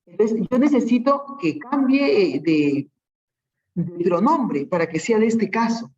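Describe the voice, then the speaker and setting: This online class is led by a teacher speaking with a Peruvian Spanish accent in an animated, medium-pitched, darkish voice at a measured pace. The sound is lo-fi, and the teacher patiently runs through lots of examples, checking in frequently with tag questions.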